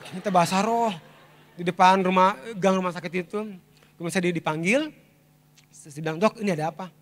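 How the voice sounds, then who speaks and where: A man preaching a sermon as pastor, telling a story in an animated way. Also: high voice, a little fast. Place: large church hall. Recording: long reverb of a large church hall.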